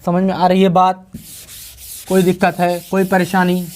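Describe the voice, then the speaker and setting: A man's voice: high voice, completely flat delivery, normal speed, darkish tone. Hindi-speaking North Indian man teaching math. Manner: checks in with students often, asks and answers his own questions. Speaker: math tutor. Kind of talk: classroom math lecture.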